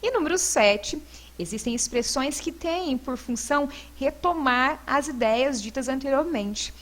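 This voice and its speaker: A Brazilian woman teaching a recorded lesson, walking through each exercise patiently and step by step. Her voice sits a little high for a woman, and she often checks in with a quick "né". The delivery is calm and explanatory. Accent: Brazilian Portuguese. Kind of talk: recorded lesson correcting homework.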